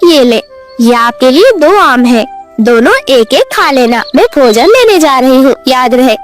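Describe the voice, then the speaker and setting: A woman voicing a mother sparrow in a children's cartoon, gentle but stern with her chicks. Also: high-pitched, sing-song, measured pace, soft background music. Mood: caring firm. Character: mother sparrow, caring and firm.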